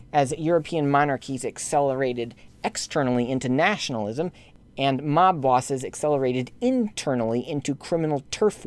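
Over a slideshow lecture, a lay commentator with a mid-range voice scolds the bishops, his rebuking tone shooting upward when he grows indignant. When he turns to explaining history, he becomes measured.

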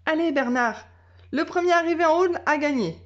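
A woman voicing a fearless, bossy little girl who calls out excitedly and gives orders in a storybook. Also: high-pitched, normal speed, voice pushed up, natural voice. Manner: excited, calling out and giving orders. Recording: dull lo-fi sound.

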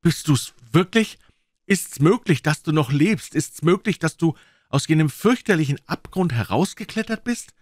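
A man reading an audiobook and voicing an agitated middle-aged doctor who exclaims in excitement. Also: fairly high pitch, normal speed, no room sound, studio quality, voice pushed up. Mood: overwhelmed.

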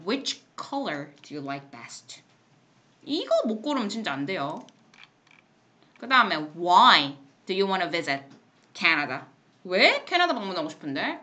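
Woman english teacher in a classroom, bright voice, reads examples nice and slow, blunt jokes at the kids. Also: mid-range voice. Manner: mixes Korean explanations with slow English example sentences; blunt, playful scolding asides. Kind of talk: classroom lesson explaining English phrases.

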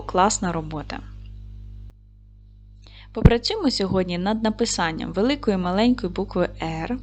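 A woman teaching a recorded lesson to young children. She is patient and encouraging, asks questions, and answers them herself. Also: mid-range voice. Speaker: primary school teacher.

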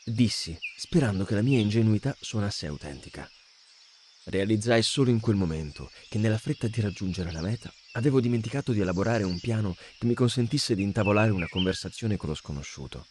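A man narrating a fantasy novel as an audiobook, reading in an expressive, dramatic way. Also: fairly low pitch, fairly quick, a little hiss or hum. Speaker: audiobook reader.

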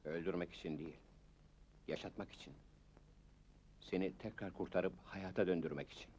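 A man's voice: low voice, steady tone, moderate pace, a little mellow, a little hiss or hum, natural voice. An actor playing a man who earnestly tells a woman he brought her there to save her, in a 1980s film drama. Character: man rescuing a woman, calm and steadfast. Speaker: film character. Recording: old film soundtrack with music.

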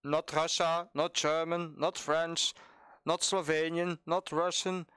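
A Belgian man whose first language is Dutch, chatting casually with teammates in halting English while streaming a team shooter. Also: on the high side, level tone, clean tone, dry recording, studio quality. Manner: hesitant, halting English with fillers. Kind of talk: casual gaming chat with teammates. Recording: game music loud behind. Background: game music.

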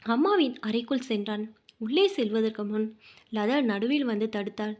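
A woman narrating a family drama story in a dramatic, expressive reading. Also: on the high side, normal speed.

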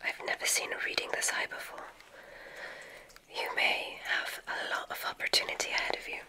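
Playing a gentle witch who carries out medical exams at a school of magic, a woman whispers breathily and soothingly for ASMR, never rushing. Theatrical word choices and soft repetitions run through her roleplay.

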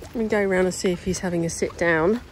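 A woman's voice: fairly low pitch, steady tone, fast, a little hiss or hum, rough recording. A woman giving a casual walk-and-talk vlog about her home renovation, chatty and thinking aloud, recorded outdoors in a garden on a handheld phone. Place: outdoors in a garden building site. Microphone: handheld phone camera.

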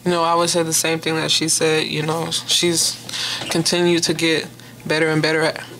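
A woman's voice: low voice, monotone, moderate pace, a bit bright, a little hiss or hum. A young woman who plays college basketball, answering postgame questions into a table mic in an easygoing way, full of "you know" and "um". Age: young adult. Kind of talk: postgame press conference answers. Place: press room in front of a sponsor backdrop. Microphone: table mic on a stand.

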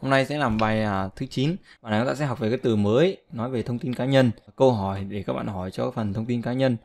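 A man teaching an English lesson, repeating each word slowly for pronunciation drill and often checking in with his students. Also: mid-range voice, vocal fry, a little mellow. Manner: keeps checking with "right?" and filler "uh". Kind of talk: language lesson explanation.

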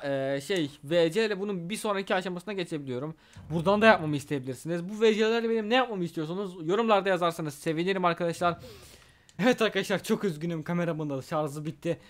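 A young man talks through a wrestling video game in casual Let's Play style. His voice sits high, and he gets excitable, trash-talking his opponent and shouting at big moves. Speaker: gaming YouTuber.

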